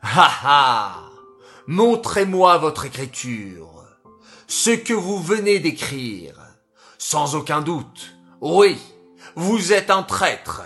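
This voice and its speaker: A man voicing an older army general who shouts his accusations harshly and gloats. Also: fairly high pitch, heavily acted.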